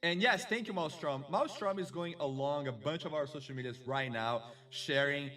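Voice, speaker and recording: A man's voice: on the high side, normal speed, bright, forceful tone. Upbeat man hosting a stream, distant mic. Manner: upbeat, chatty, effusive. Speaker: community stream host. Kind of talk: casual live-stream chat.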